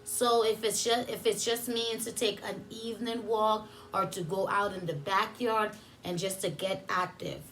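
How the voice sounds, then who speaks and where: A preschool teacher hosting story time reads aloud to young children in a mid-range, slightly bright voice with fairly even intonation. She adds teaching asides, asks simple questions and pauses for answers. A little hiss or hum is audible.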